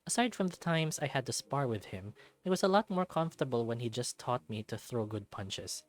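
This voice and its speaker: A man reads a visual novel aloud with plenty of expression, tossing in casual remarks of his own. He talks at a medium pitch and a fairly quick pace.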